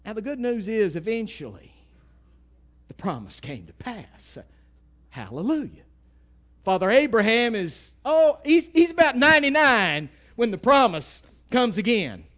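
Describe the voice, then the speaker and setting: A man with an East Texas accent delivers a sermon in a very high voice. He is folksy and emphatic, jumping from loud bursts to quiet asides. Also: sing-song, unhurried. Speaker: preacher.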